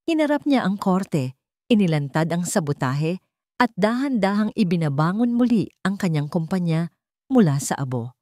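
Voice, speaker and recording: With a Filipino accent, a woman performs a scripted romance story as a dramatic narrator. Her voice is low-ish and warm, very animated at a normal speed, recorded dry at studio quality.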